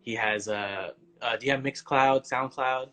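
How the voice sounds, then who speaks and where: A man with a bright, forward voice at an average pitch hosts a relaxed online interview. He talks informally, with plenty of easygoing slang. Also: measured pace. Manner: informal, laid-back slang. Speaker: livestream interview host. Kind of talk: casual chat.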